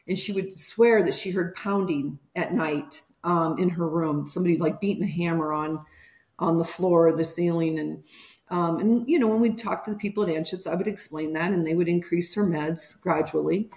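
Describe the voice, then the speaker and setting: A woman's voice: on the low side, normal speed, darkish tone, roomy sound. A woman guest on a podcast interview, telling a personal caregiving story and acting out the voices of people she quotes.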